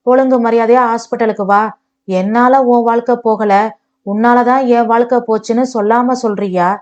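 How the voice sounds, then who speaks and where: A woman's voice: a little high, fairly even intonation, normal speed, darkish tone, highs cut off, natural voice. A woman voicing a bitter, sarcastic young husband who mocks and accuses his wife. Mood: angry. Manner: mocking, accusing.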